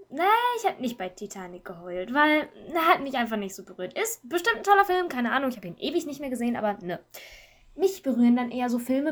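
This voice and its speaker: A woman co-hosting a podcast in casual chat, talking in an animated, rambling way and laughing often. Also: on the high side. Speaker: podcast co-host.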